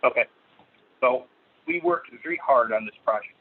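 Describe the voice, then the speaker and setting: A man giving comments as a planning commissioner over a phone call that keeps breaking up and sounds underwater. He talks in a halting way, apologizing and restarting his phrases. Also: mid-range voice, wildly swooping pitch. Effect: choppy phone line breaking up, sounding underwater. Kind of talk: remote comments at a public meeting.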